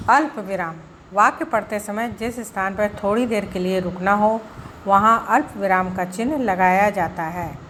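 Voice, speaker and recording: A woman teacher giving a school grammar lesson, explaining slowly and deliberately with examples. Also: mid-range voice, fairly bright tone, a little hiss or hum.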